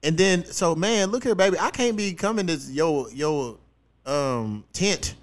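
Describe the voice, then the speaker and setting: High-pitched, animated, teasing man. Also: a little slow. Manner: slangy, profane, teasing. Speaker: podcast host. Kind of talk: casual comedic chat.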